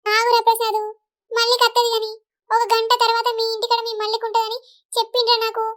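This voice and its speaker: A fussing cartoon mother-in-law from a Telangana village, voiced by a woman. She speaks very high and rapidly on a narrow, flat line of pitch. She worries aloud in a Telangana Telugu accent. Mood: worried. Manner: fretful, fussing. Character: anxious middle-aged village mother-in-law.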